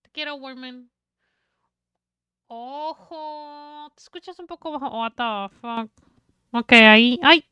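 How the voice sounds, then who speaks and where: A woman chatting casually on a live stream, excitable and swearing freely, switching back and forth between English and Spanish. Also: sits high, measured pace, pauses often, no echo, lo-fi sound.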